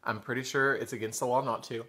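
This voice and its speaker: With a mid-range, slightly bright voice and fairly even intonation, a Southern man in his thirties talks fast while eating on camera. This chatty mukbang vlogger addresses viewers as y'all and chews between remarks. He's recorded in a living room with a sofa and blinds by a camera in front at table distance.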